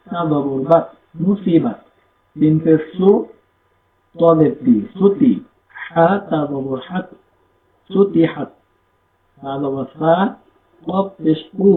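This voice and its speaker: A man teaching Quran reading, with a Bangladeshi Bengali accent, spelling out letters and vowel marks and blending them slowly into syllables. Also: a little high, a little hiss or hum. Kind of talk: slow spelling-out recitation lesson. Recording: echoey room, tinny phone-like sound.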